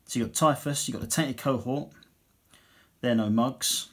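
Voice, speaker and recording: At a moderate pace and medium pitch, a man casually reviews a hobby magazine. He's chatty, reading passages aloud and then tossing in dry asides of his own.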